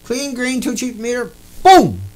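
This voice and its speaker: A man delivering an angry, profane ranting monologue, repeating himself and bursting into shouts. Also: high-pitched, moderate pace, poor audio. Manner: repetitive, profane, indignant. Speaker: video host.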